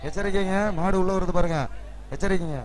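A man announcing at an event through a megaphone, heard from a distance, giving rapid, urgent warnings to the crowd. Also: high voice, steady tone.

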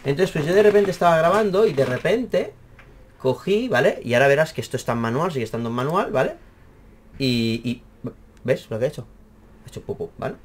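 A young man with a Spain Spanish accent, casually explaining a camera problem in an animated, exaggerated way, full of fillers and swearing. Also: a little high, brisk. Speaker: math teacher and YouTuber. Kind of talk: casual rambling tech explainer.

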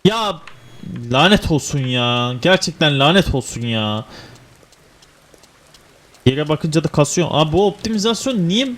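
A man's voice: on the high side, very animated, measured pace, pauses often, fairly bright tone. Fed-up Turkish man grumbling over a game. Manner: grumbling, easily annoyed, swears at the game. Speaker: gaming streamer. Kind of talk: casual gameplay commentary.

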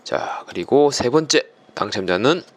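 A man's voice: medium pitch, animated, unhurried. A man hosting a YouTube channel, presenting a giveaway winner announcement in polite, formal phrasing.

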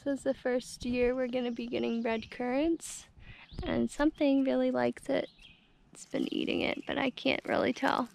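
A woman's voice: high voice, flat delivery, normal speed, creaky, darkish tone. A young woman giving a casual walking tour of her homestead garden, talking easygoing and chatty with lots of fillers, filmed on a handheld camera outdoors. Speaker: homestead vlogger. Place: outdoors in a rural garden on a hot day. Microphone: handheld action camera.

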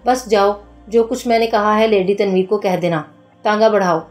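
A gruff old man with a revolver speaks in a husky, choked voice, as a woman narrator puts him on. He is curt and guarded. Soft music plays underneath. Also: medium pitch, moderate pace, natural voice.

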